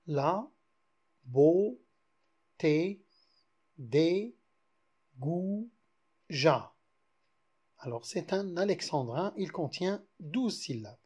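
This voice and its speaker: Man, Moroccan accent, teacher, mellow husky voice, slightly high pitch, slow syllable-by-syllable explaining. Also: lively intonation. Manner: explains slowly, then spells out verses syllable by syllable. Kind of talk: lecture switching between French and Moroccan Arabic.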